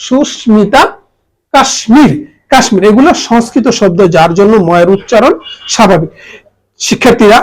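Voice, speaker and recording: A teacher walks students through a pronunciation rule. Each example word gets said twice, slowly and deliberately. The voice sits at an average pitch. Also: low-quality recording. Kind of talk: grammar lesson.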